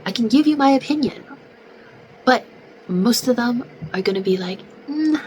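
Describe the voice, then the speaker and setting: A vlogger in her twenties chats and vents in a relaxed way, her talk full of "like" fillers, her voice congested and near gone. It's a little high and a little mellow, animated at a normal speed, with a noisy background.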